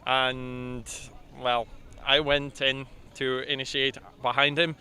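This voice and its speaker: Bright-voiced man from Poland. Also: medium pitch, takes it slowly. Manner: relaxed, hesitant, many "uh"s. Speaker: drift driver. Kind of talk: casual interview answers. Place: outdoors at a drift event.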